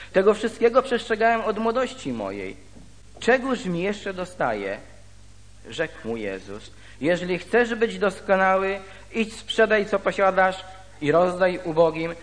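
Preacher with a lively pitch in a reverberant hall. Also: male voice. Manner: reads scripture aloud, then explains it slowly with pauses. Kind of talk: sermon.

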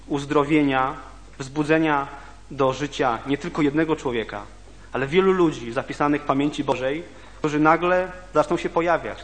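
A man preaching a sermon, reading scripture aloud, then reflecting on it, often halting and repeating words. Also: a little high. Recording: long reverb of a hall.

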